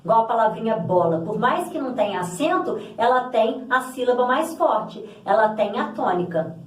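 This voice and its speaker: A woman's voice: on the high side, animated, normal speed. A woman teaching a grammar lesson, explaining patiently and repeating example words aloud to stress them. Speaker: Portuguese language teacher. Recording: echoey room, voice from a distance.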